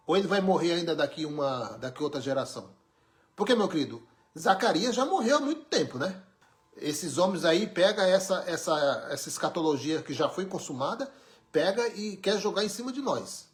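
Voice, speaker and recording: A man from Brazil, preaching an informal sermon with emphatic, wry rhetorical questions. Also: sits high. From Brazil, born in Pernambuco, raised in São Paulo.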